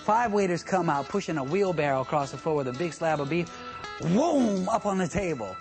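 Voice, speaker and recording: A man teaching a traffic safety course who keeps breaking into jokes and laughter. His voice runs a bit high, and music plays behind him throughout. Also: lively intonation, brisk, vocal fry. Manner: jokey, laughs often. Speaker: traffic school instructor. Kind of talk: joking classroom lecture.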